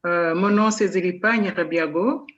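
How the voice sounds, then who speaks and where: A woman's voice: lowish voice, moderate pace. Rwandan-born woman presenting on a video call. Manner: hesitant, many fillers. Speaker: nonprofit coordinator presenting. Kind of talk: online presentation, switching to French. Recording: dull, muffled video-call audio.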